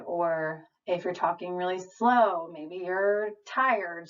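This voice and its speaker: A woman trainer giving a calm, reassuring lecture over slides. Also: fairly low pitch. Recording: distant, dull lo-fi voice.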